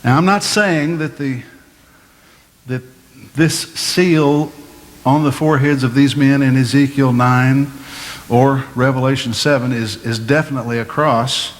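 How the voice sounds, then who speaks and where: A male pastor giving a measured, explanatory Bible-teaching sermon, asking his listeners questions as he goes. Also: medium pitch, fairly even intonation. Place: church sanctuary. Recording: long hall reverb, faint room noise.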